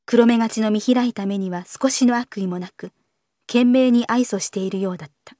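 A woman reads a literary novel aloud in a calm, measured way. Her voice sits slightly high with a mellow, warm tone. The recording is close and dry. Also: dry recording. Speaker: narrator. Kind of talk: audiobook novel reading.

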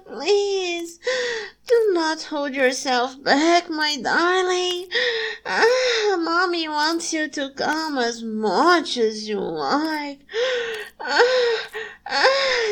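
A woman gives voice to a tender, motherly succubus who murmurs in a high, airy register. She lingers over every word at a crawling pace, her breathy moans filling the gaps. The delivery stays soothing and intimate throughout. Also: exaggerated voice. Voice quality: soft, breathy, moaning between phrases. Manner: slow, cooing, soothing. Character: doting adult female succubus, soft motherly lover. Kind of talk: erotic audio roleplay.

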